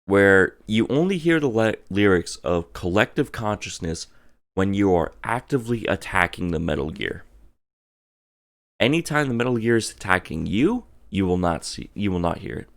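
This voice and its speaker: A man's voice: low-pitched, animated, moderate pace. A drunk man giving a casual, profane video game review, emphatic and theatrical, drawing out words and repeating phrases.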